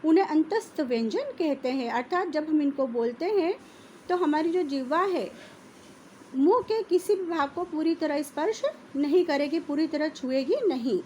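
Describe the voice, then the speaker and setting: A woman teacher giving a classroom language lesson, speaking slowly and carefully and repeating each sound so pupils can copy it. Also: sits high, dark tone, a little hiss or hum. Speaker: Hindi teacher.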